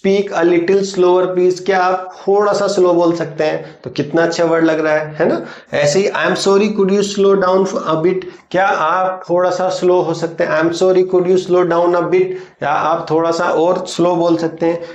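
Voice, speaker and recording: A man teaching English phrases for phone calls, pausing to say each example sentence slowly and clearly between chatty explanations. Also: fairly high pitch, darkish tone. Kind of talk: explaining phrases in a recorded lesson. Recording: roomy, slightly dull recording.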